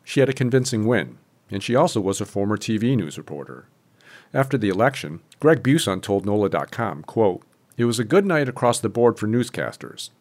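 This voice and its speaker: A man, a host who narrates and asks interview questions in a measured, inquisitive way. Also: fairly low pitch.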